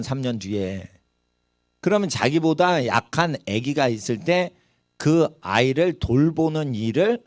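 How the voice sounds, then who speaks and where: Male pastor, middle-aged, lively sermon delivery, dry close sound. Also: mid-range voice, no room sound. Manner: animated preaching, dramatizing quoted voices and regional dialects.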